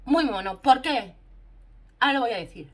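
A woman from Spain with a Spanish accent, chatting excitedly to her viewers while she tries makeup on at home in front of a camera set in a ring light. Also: a little high, normal speed. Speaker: beauty vlogger. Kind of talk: casual makeup review vlog. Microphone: camera mounted in a ring light, a bit back.

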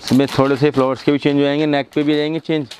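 A shopkeeper showing his suits and urging viewers to order quickly. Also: on the high side, level tone, over a noisy crowd. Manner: short eager affirmations, urging quick orders. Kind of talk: sales talk. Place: clothing shop.

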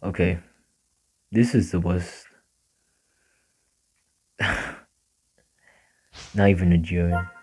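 A man's voice: low voice, fairly even intonation, extremely slow, pauses often, a little mellow, husky. A young man commenting casually on game summons, frustrated and muttering, sometimes swearing. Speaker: gaming YouTuber.

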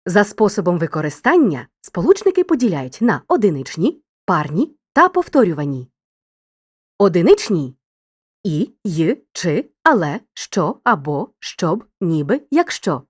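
A woman narrating a grammar lesson in a clear, scripted, teacherly way, speaking directly to the listener. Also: lowish voice, very animated, unhurried, no echo, studio quality.

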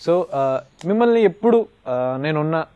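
An encouraging male host with a smooth, resonant voice, heard on a dry, slightly dull lo-fi recording. He keeps the interview moving with short affirmations. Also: a little high, animated, normal speed, no echo. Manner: encouraging, frequent brief affirmations. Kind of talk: interview hosting.

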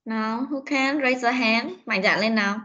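A woman's voice: a little high, normal speed, bright, forceful tone. A woman teacher with a Vietnamese accent, patiently coaxing young pupils in an online English class over a video call. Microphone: computer mic on a video call. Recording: dull lo-fi video call audio.

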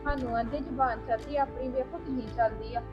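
A woman's voice: high-pitched, steady tone, fast talker. A woman acting a daughter-in-law who talks back sarcastically in a family drama. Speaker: actor playing a daughter-in-law. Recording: slightly dull audio with music.

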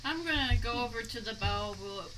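A woman's voice: a little high, lively intonation, fairly quick, far from the mic. A woman playing a tabletop game, sounding exasperated and bossy with another player. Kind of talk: casual tabletop game chat. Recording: noisy background.

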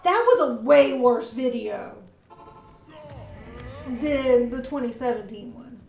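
A woman's voice: fairly high pitch, slow pace, vocal fry, darkish tone, reverberant, faint music behind. A woman asking teasing questions in casual stream chat.

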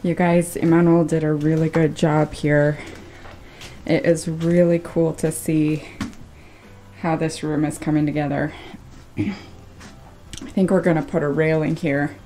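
A woman's voice: low-pitched, a little mellow. A woman in her thirties chatting to a close handheld camera in an attic under renovation, upbeat and thinking aloud. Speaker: vlogger renovating a house. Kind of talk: casual chat to camera. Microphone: handheld camera held close.

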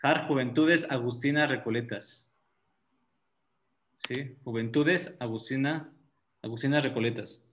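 A man's voice: medium pitch, unhurried, pauses often, fairly bright tone. Encouraging male teacher on a video call. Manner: encouraging, coaxing shy students. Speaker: youth group leader, teacher.

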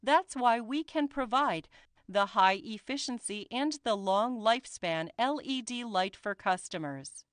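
Woman, corporate voice-over, very slow deliberate delivery, smooth clear voice, dry close sound. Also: fairly high pitch, animated, dry recording. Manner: slow, careful, deliberate reading. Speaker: company spokesperson.

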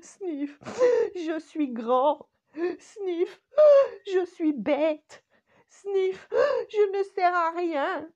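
A woman's voice: extremely high pitch, drawn-out words, long pauses, darkish tone, dull audio, pitched above the performer's own voice, full character voice. An older woman voicing a tall, sad middle finger who sobs and feels useless, in a bedtime story. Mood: sobbing. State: sobbing.

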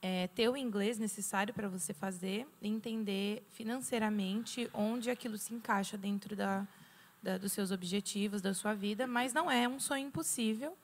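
A woman on a studio panel, giving advice in a measured, explanatory way into a handheld mic. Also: medium pitch. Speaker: guest student. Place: TV studio set.

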